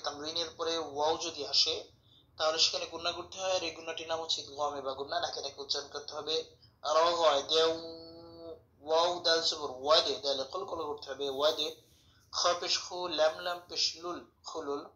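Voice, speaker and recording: A man teaching a tajweed lesson, spelling out letters and vowels slowly and carefully. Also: on the high side, pushed and bright. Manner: slow, methodical spelling of syllables, drawn-out chanted recitation. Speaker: Quran recitation teacher. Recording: echoey room, dull lo-fi sound.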